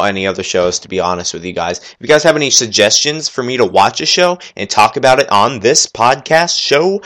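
A man hosting a solo gaming podcast, talking fast and enthusiastically in a rambling, off-the-cuff way while working at his computer. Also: mid-range voice, a bit bright. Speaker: podcast host.

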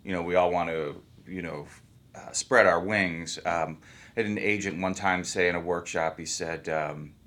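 A man who is an actor, talking about his work in a relaxed, rambling interview. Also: low voice, moderate pace. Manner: easygoing, rambling, thinks aloud. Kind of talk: casual interview talk.

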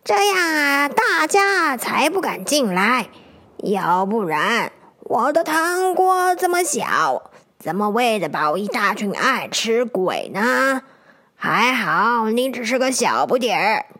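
A woman voicing a gruff but kindly old grandma lizard in a storybook, speaking low and drawn-out. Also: very animated, bright, forceful tone, exaggerated voice. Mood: grumbling.

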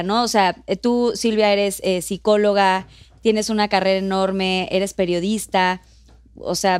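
A woman's voice: medium pitch, no room sound. A woman hosting a casual podcast, playful and bubbly as she interviews guests. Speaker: podcast host.

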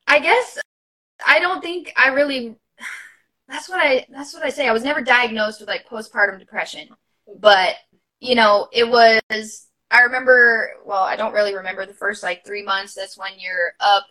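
Young woman guest, bright and slightly high voice, casual and heartfelt storytelling with many fillers. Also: normal speed, low-quality recording. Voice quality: chatty, many fillers and asides. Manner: open and heartfelt, laughs while talking. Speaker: podcast guest, new mother.

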